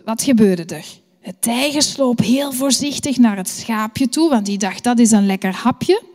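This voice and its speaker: A Flemish woman telling a children's story at a church service, lively and asking the children questions. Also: high voice. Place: church hall. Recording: long hall reverb.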